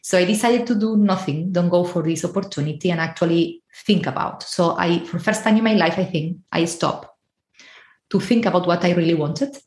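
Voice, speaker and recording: Appearing as a guest on a podcast, this travel and life coach from Spain, in her forties, recounts her personal story in a chatty way with a Spanish accent. She speaks at a normal speed with a fairly low pitch and darkish tone, in an echoey, roomy recording.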